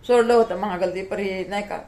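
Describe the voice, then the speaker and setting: Woman vlogger, weary and pleading, repeats herself, mid-pitched voice. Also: fairly even intonation, fairly quick, a little mellow. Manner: pleading, repetitive, heartfelt. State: tired. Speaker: YouTuber. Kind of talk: emotional talk to camera.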